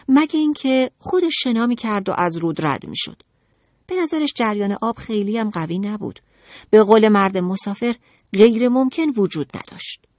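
A woman narrating a children's audiobook in an expressive, dramatic storytelling manner. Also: mid-range voice, dry recording, clean studio sound.

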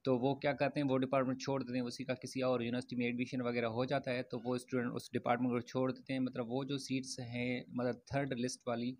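A man's voice: medium pitch, monotone, quick pace, few pauses, a little mellow. A man speaking plainly to his viewers with student admission updates, in a loose explanatory way full of fillers and restarts. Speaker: education YouTuber. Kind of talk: informal update talk to camera.

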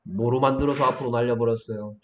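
Male tutor, mid pitch, coaxing, keeps checking understanding, echoey room. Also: steady tone, quick pace, a bit bright, a little hiss or hum. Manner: coaxing teacher, many check questions. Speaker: English tutor. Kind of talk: one-on-one English lesson in Korean.

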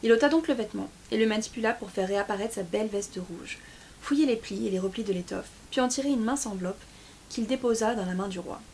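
A woman reading a novel chapter aloud in a steady voice, with small slips and restarts now and then. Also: mid-range voice, fast talker, a little hiss or hum. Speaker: book YouTuber.

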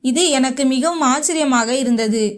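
A woman narrating a first-person short story in a slow, even storytelling manner. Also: sits high.

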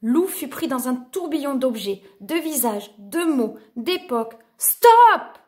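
Woman storyteller, fairly high voice, gentle, expressive, speaking to little kids. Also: measured pace. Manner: gentle, expressive, addresses young children. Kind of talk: children's storybook narration.

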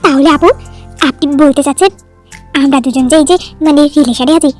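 A woman's voice: sits high, brisk, soft background music, natural voice. Woman doing an earnest young lover. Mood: pleading. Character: earnest young man in love.

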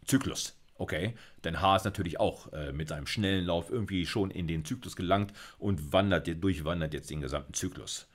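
This is a middle-aged man lecturing on computer science at a university, his voice low and his style casual and chatty. He tends to think out loud, putting questions to himself and then working out the answers.

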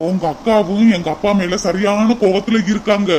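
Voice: medium pitch, fairly even intonation, normal speed, a little mellow, slight background noise, lightly acted, rough recording. A voice actor playing an earnest young man coaxing his sweetheart in a cartoon. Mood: earnest pleading. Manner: coaxing, keeps repeating her name. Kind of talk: cartoon voice acting.

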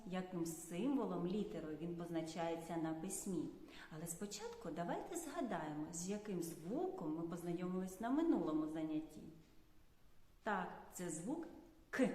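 A woman kindergarten teacher with a Ukrainian accent, calmly explaining a literacy lesson to children. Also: on the low side. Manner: calm, explanatory, addresses children directly. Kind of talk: instructional lesson narration. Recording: roomy, reverberant classroom sound.

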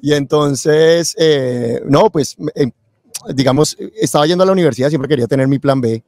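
A tax lawyer and accountant, interviewed at an indoor convention event booth, recounts his own story casually in a slightly high, a little mellow voice at a moderate pace. The close boom-arm and headset mic yields a dry, studio-quality recording.

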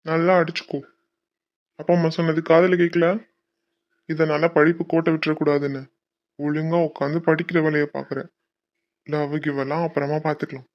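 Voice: mid-range voice, level tone, normal speed, long pauses, muffled recording, lightly acted. A voice actor playing a devoted young college man in a cartoon, pleading and affectionate. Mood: teasing.

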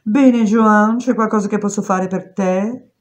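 A woman's voice: medium pitch, fairly even intonation, voice pushed up, natural voice. A woman voicing a condescending old prison matron. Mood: patronizing. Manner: slow, falsely sweet, patronizing. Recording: dull lo-fi recording.

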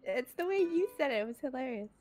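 A woman's voice: sits high, animated, fast talker, a little mellow. A woman playing a co-op cooking game on a stream, teasing her friends and laughing often. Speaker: guest player on a stream. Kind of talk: casual gaming chat. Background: game music.

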